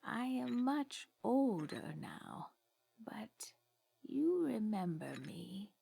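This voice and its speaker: A man voicing an ancient, wise old woman sage in a slow, breathy, creaky whisper. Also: very high voice, sing-song, mellow, voice pushed up, exaggerated voice. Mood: hushed.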